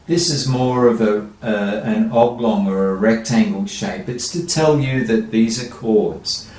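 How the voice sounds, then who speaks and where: A man's voice: lowish voice, a little slow, a little mellow. A man teaching a children's guitar lesson, explaining each step patiently. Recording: echoey room, faint guitar music.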